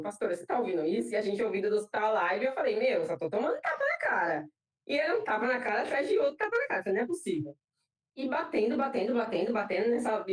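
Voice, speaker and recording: A young woman with a Brazilian accent giving an emotional personal testimony in church, repeating phrases for emphasis. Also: medium pitch. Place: church hall. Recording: roomy, from a distant mic.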